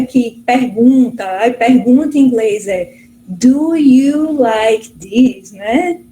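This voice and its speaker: A woman's voice: a little high, warm tone, low-quality recording. A middle-aged woman from Brazil, a guest professor answering interview questions in a chatty way, full of fillers and restarts. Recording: faint background noise.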